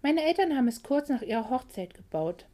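A woman voicing a calm, charming young male mechanic in a storybook reading, with a laid-back, teasing manner. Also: sits high, brisk. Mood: relaxed.

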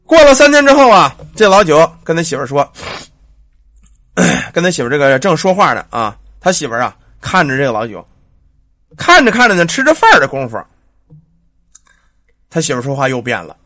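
A man's voice: on the high side, big pitch swings, brisk, long pauses, a bit bright, no room sound, clean studio sound. A man telling a ghost story in a chatty, colloquial way, speaking straight to his listeners.

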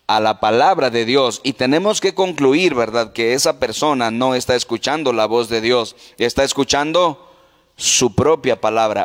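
A man's voice: medium pitch, in a large hall. A man preaching a sermon as pastor, putting questions to the congregation.

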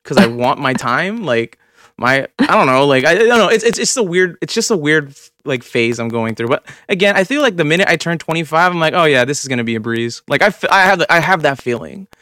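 A man's voice: fairly high pitch, lively intonation, fairly quick, sharp tone, dry recording, clean studio sound. A man in his twenties hosting a podcast, talking in a rambling, profane, filler-heavy way. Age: 20s. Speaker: podcast host. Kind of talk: casual chat.

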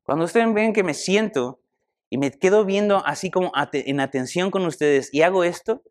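A young man preaches a conversational sermon, asking the congregation questions in an animated way. His voice sits high, at normal speed.

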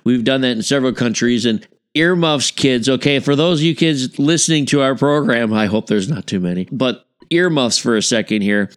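A man co-hosting a podcast in relaxed banter. He teases his partner and keeps tossing him questions. His voice sits at a middle pitch. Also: moderate pace, smooth. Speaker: podcast co-host. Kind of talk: casual banter.

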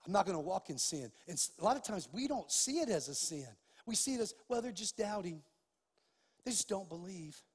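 A man with a husky, unusually high voice preaches a sermon, telling stories and rising to forceful declarations. His voice carries a long reverb through a large church hall. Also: brisk. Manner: animated storytelling preacher, rising to loud emphatic declarations. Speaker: pastor.

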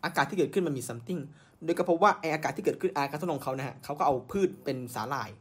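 A man with a slightly high, husky voice talks fast as he hosts a podcast, recounting science history casually. His speech is full of fillers and self-corrections.

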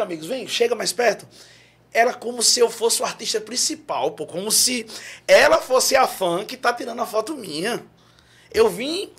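High-pitched, a little bright and slightly rough, this man's voice carries a Northeastern Brazilian accent from João Pessoa, Paraíba. On a podcast as a guest, he tells an energetic story, dramatizes what people said and launches into song.

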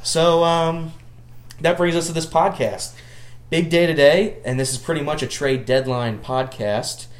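A man co-hosting a casual sports chat in a living room, with dry, self-deprecating joking and a medium-pitched voice. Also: fairly even intonation, measured pace, reverberant. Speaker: podcast host.

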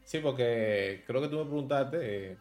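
A man's voice: mid-range voice, unhurried, darkish tone. Dominican guy hosting a stream, chatty, laughs a lot, music faint in the back. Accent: Dominican, Santo Domingo. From Dominican Republic. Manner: chatty, laughs often, explains local slang. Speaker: host. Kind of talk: casual interview on a stream.

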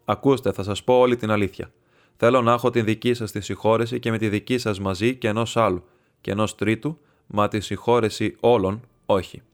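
A man's voice: fairly low pitch, steady tone, natural voice. A man voicing a proud, scornful nobleman who makes a bitter, mocking confession. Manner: mocking and defiant.

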